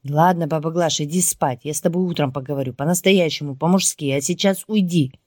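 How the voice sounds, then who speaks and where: A woman voicing a gruff, angry young husband who barks harsh orders in a dry recording. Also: sits low, a little fast, a little mellow, no echo. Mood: furious.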